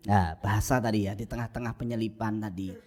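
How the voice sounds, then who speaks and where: A man preaching a sermon as pastor, animated and jokey, with mimicry and sudden soft asides, on a lo-fi church recording. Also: fast. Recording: lo-fi low-bitrate church recording.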